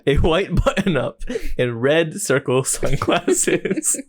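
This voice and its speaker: A man's voice: on the high side, animated, slow pace. A man co-hosting a casual movie podcast, joking and laughing often between lines. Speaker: podcast co-host. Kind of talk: casual chat.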